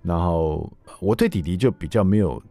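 A man in his thirties hosting a radio talk show, telling a story casually in an animated way, with a loud, ringing voice. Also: sits low, moderate pace, creaky, dry recording. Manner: animated, acts out the quotes he tells, with a loud, ringing voice. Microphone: studio mic.

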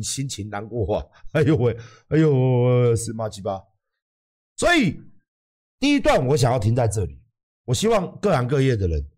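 A man's voice: medium pitch, darkish tone, husky. Blunt, swearing Taiwanese Mandarin man. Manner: blunt, emphatic, swears freely, acts out quotes. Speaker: livestream host. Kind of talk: livestream rant to viewers.

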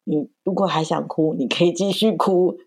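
A woman's voice: lowish voice, steady tone, normal speed, darkish tone, breathy edge. A woman from Taiwan, a mother and podcast guest, telling a family story in casual chat and acting out the voices of her child and herself.

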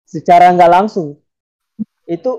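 A man's voice: high voice, unhurried, mellow. A young man co-hosting a casual podcast, talking through a theory step by step with plenty of fillers and restarts. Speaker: podcast co-host. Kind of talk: casual chat. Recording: dull lo-fi podcast audio.

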